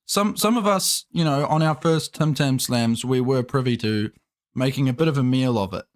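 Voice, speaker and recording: Dry, deadpan podcast co-host man. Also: medium pitch, normal speed. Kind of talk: casual chat.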